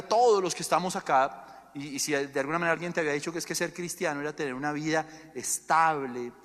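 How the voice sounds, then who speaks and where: A man preaches to his congregation with a lively, conversational delivery. His voice sits a little high. The sermon carries a long reverb from a large hall. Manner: animated, talks to the congregation and acts out Bible voices.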